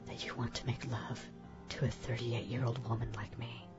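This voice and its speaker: A man voicing a seductive, teasing woman in her late thirties, in a breathy whisper. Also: mid-range voice, completely flat delivery, moderate pace, pitched above the performer's own voice, lightly acted. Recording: dull, echoey, with soft music.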